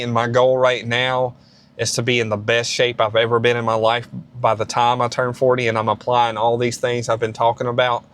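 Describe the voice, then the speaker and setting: A man's voice: mid-range voice, fairly bright tone. A man in his late thirties hosting a fitness vlog, giving beginner lifting advice in a casual, rambling and encouraging way, with many restarts and fillers. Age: 30s. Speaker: fitness channel host.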